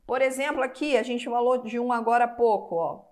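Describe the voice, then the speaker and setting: A woman's voice: on the high side, fairly even intonation, a little fast, darkish tone. A woman teacher with a Brazilian accent giving an online exam-prep lesson. She explains step by step, stretches out example words and checks in often with her students. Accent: Brazilian Portuguese. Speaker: Portuguese teacher.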